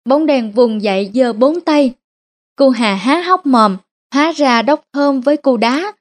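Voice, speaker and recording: High-voiced Central Vietnamese woman storyteller. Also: animated, unhurried. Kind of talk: comic folk story narration.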